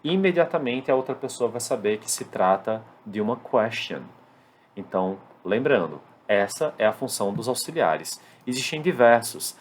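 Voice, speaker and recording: A Brazilian man with a Brazilian Portuguese accent, teaching an English lesson at a whiteboard and slowing down to spell out English examples. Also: mid-range voice, a little hiss or hum. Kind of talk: classroom-style lesson at a whiteboard.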